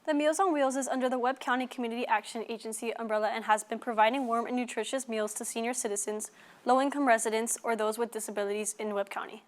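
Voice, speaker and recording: A woman's voice: on the high side, fairly even intonation, quick pace. A young woman delivering a scripted news report as a student reporter, stumbling now and then over the copy. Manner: stumbles and repeats words while reading.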